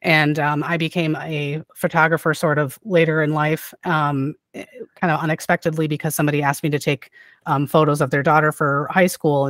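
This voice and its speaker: Podcast host, mid-pitched voice, chatty, filler-heavy, dry close sound. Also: fairly bright tone, dry recording. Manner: chatty and affirming, many "um" fillers and backchannels. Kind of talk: casual podcast interview.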